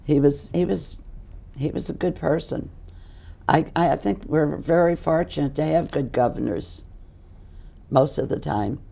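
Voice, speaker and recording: A woman in her nineties, hoarse and losing her voice, reminiscing in a halting way as an interview guest. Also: sits low, warm tone. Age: 90s. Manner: halting, repeats words while recalling.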